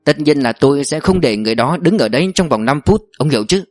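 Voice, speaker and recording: A man's voice: on the high side, expressive, fast talker, no echo, clean studio sound, faint music behind, lightly acted. A man reading an audiobook voices a crafty older security chief who talks bluntly and bossily. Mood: scheming. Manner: blunt, bossy. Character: sly older male security chief, scheming.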